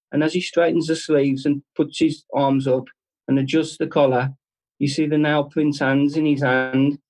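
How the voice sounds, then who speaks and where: A man giving an informal devotional talk at a church service, speaking earnestly and conversationally with halting restarts. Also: medium pitch, a little mellow, low-quality recording.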